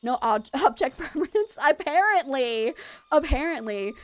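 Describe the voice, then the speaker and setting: A woman from Maine, USA, streams a game while chatting in a rambling way with viewers and laughing a lot. Her voice sits high with lively intonation, and she speaks a little slowly. There's a slight hiss or hum in the audio.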